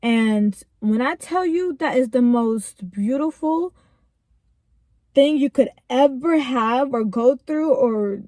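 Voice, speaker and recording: A woman's voice: sits high, lively intonation, mellow, no echo, studio quality. Earnest young woman, emotional car vlog. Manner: earnest, chatty, slips into tearful pauses. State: emotional, close to tears. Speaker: vlogger. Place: inside a car.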